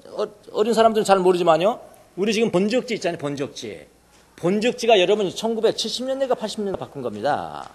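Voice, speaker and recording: Male pastor preaching, super lively voice, goes loud then drops to almost a whisper. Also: on the high side. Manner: animated preaching, acts out quotes, swings from loud to hushed. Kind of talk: sermon.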